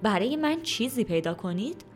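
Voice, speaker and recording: A woman voicing a shy, honest young schoolboy who stumbles and pauses through his words. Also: fairly high pitch, sing-song. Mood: hesitant. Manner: halting, full of ums and pauses.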